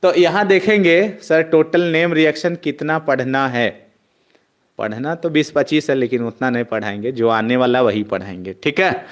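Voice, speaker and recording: A man teaching an online chemistry class loudly drills students in call-and-response, chiding them along the way. His voice is medium in pitch and runs at normal speed.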